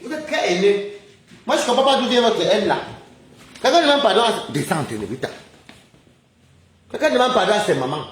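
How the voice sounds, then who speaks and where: A man's voice: high-pitched, big pitch swings, brisk, long pauses, fairly bright tone, a little hiss or hum. A man ranting indignantly on a casual live stream, firing off rhetorical questions and chuckling often. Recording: roomy echoey recording.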